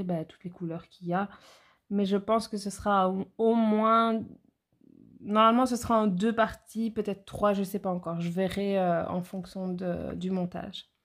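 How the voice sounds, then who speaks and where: A woman, a nail educator chatting casually through a product haul and speaking straight to her viewers with frequent hesitations. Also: mid-range voice.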